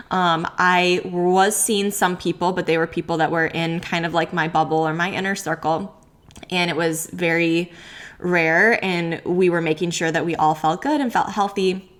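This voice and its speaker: A pregnant woman in her thirties hosting a solo podcast Q&A, talking candidly with many likes and ums and frequent laughs. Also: fairly low pitch. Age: 30s. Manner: laughs often while talking. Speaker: podcast host.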